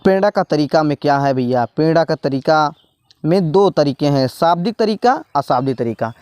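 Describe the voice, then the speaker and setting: A man's voice: a little high, animated, moderate pace, darkish tone, clean tone, no room sound. Man teaching, repeating and quizzing himself. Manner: repetitive, asks and answers own questions, says "bhaiya". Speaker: exam prep teacher. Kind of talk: spoken exam lesson.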